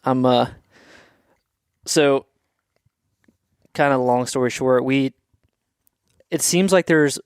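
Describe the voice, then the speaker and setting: A man's voice: mid-range voice, slow, long pauses, clear, resonant tone, dry recording. Easygoing man, dry close sound. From Atlanta, USA. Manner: easygoing, rambling with fillers. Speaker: podcast co-host. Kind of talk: casual chat.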